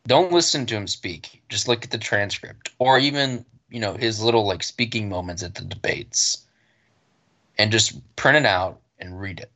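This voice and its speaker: A man's voice: lowish voice, normal speed, sharp tone. A man co-hosting a casual political podcast, speaking bluntly with frequent restarts and fillers. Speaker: podcast co-host.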